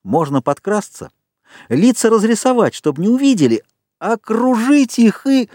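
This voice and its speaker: Audiobook: male narrator doing an excited boy hunter, high and breathless chatter, dry studio sound. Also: normal speed, dry recording. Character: boy Jack, eager, obsessed young hunter.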